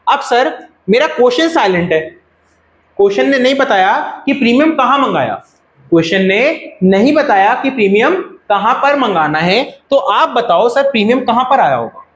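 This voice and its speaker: A man's voice: extremely high pitch, lively intonation, normal speed, fairly bright tone. A man with an Indian accent teaching a classroom lecture, asking the class questions and repeating their answers. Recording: echoey classroom.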